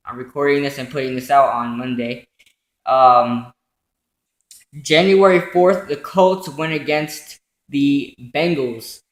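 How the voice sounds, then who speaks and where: Young male home vlogger, halting and filler-heavy, mid-pitched, echoey room sound. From New York, raised in Pennsylvania. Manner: halting, many ums and self-corrections. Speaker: football vlogger recapping playoffs. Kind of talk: casual solo commentary from notes.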